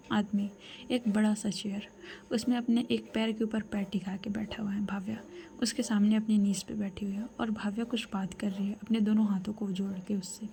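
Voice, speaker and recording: A young adult woman telling a serialized love story in a soft, breathy, half-whispered voice, with casual asides to the listener. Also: mid-range voice. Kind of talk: hushed serialized story narration.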